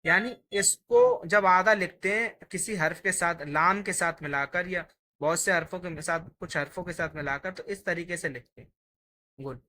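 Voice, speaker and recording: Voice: mid-range voice, normal speed, bright, forceful tone. A teacher giving a patient, step-by-step Urdu writing lesson, sounding out each letter while writing it.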